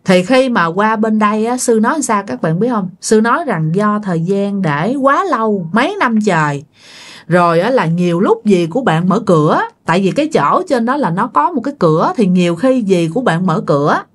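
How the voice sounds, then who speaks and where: A woman's voice: medium pitch, animated, normal speed. A woman, casually telling a ghost story and talking directly to her listeners. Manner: chatty, addresses listeners directly.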